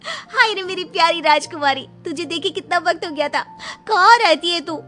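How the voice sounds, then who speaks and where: A loud, lively young bride who never stops talking, as a woman puts her on for an audio story. Her voice sits high and runs quick and animated. Faint music plays underneath. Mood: gushing. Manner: talkative, bubbly, shrieks and laughs.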